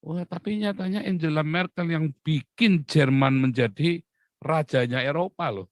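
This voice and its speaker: A man's voice: fairly high pitch, normal speed, dry recording. A man preaching a humorous sermon, acting out little dialogues and laughing often.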